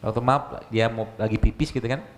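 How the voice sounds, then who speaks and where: A middle-aged man, a doctor giving a casual, lively religious health talk to an audience. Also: brisk. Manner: lively, conversational, frequent pitch jumps; tag questions and colloquial fillers.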